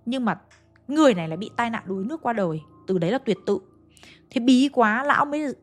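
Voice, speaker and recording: Chatty woman telling a ghost story. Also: medium pitch. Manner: chatty, addressing listeners directly. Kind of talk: ghost story narration to listeners.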